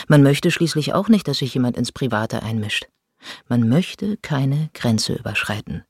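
A woman narrating a scripted spoken-word piece in a measured, grave manner. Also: a bass voice, a little mellow, slightly rough, dry recording, clean studio sound. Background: music.

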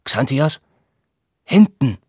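A man's voice: medium pitch, big pitch swings, extremely slow, a little mellow, husky, no room sound, studio quality, voice pushed up, exaggerated voice. A man voicing a frightened male servant in a Greek comedy, read aloud in an audiobook. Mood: alarmed. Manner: alarmed, exclaiming. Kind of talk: audiobook reading.

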